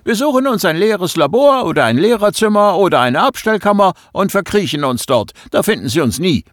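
A man's voice: high-pitched, very animated, brisk, dry recording, clean studio sound, voice pushed up. A man reading an audiobook and voicing a brash, broad-shouldered teenage boy who talks in a hasty, snapping way. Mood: panicky.

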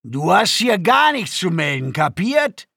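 A hulking alien guard sneers and threatens, loud and raised above a normal voice, as a man reading the story puts him on. The voice is husky and gravelly, and the recording is dry and close. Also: on the high side, moderate pace, dry recording. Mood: sneering. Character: brutish, mocking huge male alien guard.

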